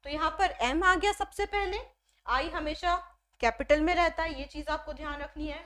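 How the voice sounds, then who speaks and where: Female tutor, young adult, high voice, explains patiently, poses and answers own questions. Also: moderate pace, a bit bright. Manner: explanatory, asks and answers own questions, mixes Hindi with English. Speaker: teacher. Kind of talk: classroom-style grammar lesson.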